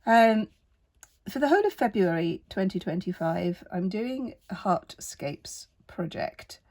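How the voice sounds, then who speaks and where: A woman in her fifties with a croaky voice, tired and under the weather, giving a casual doodle tutorial in a gentle, rambling, hesitant manner. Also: medium pitch, expressive, measured pace. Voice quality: croaky, husky voice. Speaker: artist and art teacher giving a tutorial.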